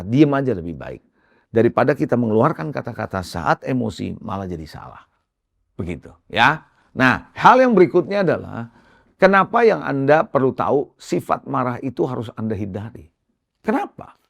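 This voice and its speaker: A male pastor giving a conversational sermon in speech, often addressing listeners directly and stressing points with sharp rises. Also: creaky, no echo, clean studio sound. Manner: lively pitch swings for emphasis.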